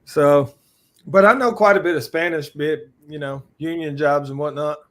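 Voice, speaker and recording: A co-host from Louisiana with a Southern US accent talks on a casual podcast in a laid-back, rambling style, often saying "you know what I mean." His voice is a little high and fairly bright, at a moderate pace.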